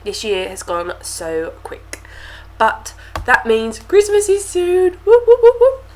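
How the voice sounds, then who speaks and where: A chatty young beauty vlogger with a stuffy nose from a cold rambles through a casual product review to camera, full of fillers and repeated words. Her high voice swings hugely in pitch, she takes it slowly, and her tone is darkish.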